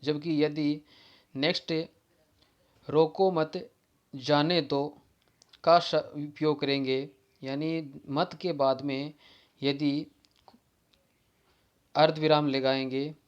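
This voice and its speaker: A man's voice: on the high side, muffled recording. Man teaching a grammar lesson. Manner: repeats key terms, pauses and restarts words. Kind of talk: exam-prep grammar lesson.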